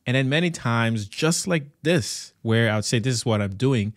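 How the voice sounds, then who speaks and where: A man from Cameroon hosting a casual interview, talking in a thoughtful, halting way and laughing often. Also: mid-range voice, expressive, no echo, studio quality. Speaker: podcast host.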